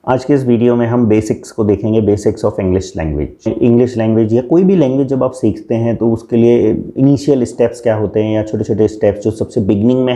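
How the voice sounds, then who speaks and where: A man teaching a language lesson as a coach, mixing Hindi and English and slowing down to read out English definitions. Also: lowish voice, warm tone.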